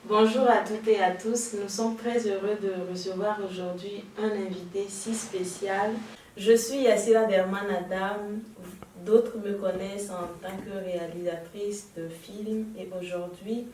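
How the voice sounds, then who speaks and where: A woman with a mellow, mid-pitched voice who asks her questions politely and formally. She sounds distant from the mic in an echoey room, with a faint hiss underneath. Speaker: interviewer, filmmaker. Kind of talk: interview questions.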